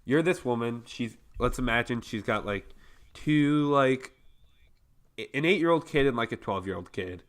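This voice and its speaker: A man's voice: mid-range voice, animated, normal speed. A young man co-hosting a casual podcast, making wry offhand jokes and hedging with "I mean". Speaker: podcast co-host.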